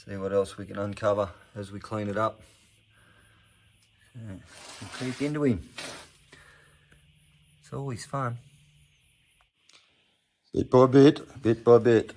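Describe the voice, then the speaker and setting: Speaking in a lowish voice over a slight hiss or hum, a man with a broad Aussie accent offers offhand, slangy, laconic remarks in his relaxed workshop vlog, where he shows progress on the cars he restores as a hobby.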